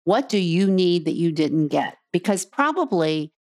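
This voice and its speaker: A woman's voice: on the low side, sing-song, unhurried, darkish tone. A middle-aged woman hosting a podcast as a coach, talking earnestly and straight to the listener, repeating phrases for emphasis. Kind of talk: heartfelt podcast monologue.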